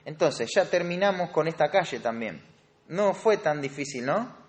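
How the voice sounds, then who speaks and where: A man's voice: fairly high pitch, expressive, normal speed. Argentine man teaching a grammar class. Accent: Rioplatense Spanish. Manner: explanatory, asks the class questions.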